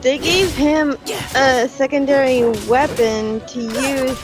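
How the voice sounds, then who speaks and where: Female streamer, slow and halting, game music underneath. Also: high voice, steady tone. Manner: halting, many fillers and restarts. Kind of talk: casual gameplay chat.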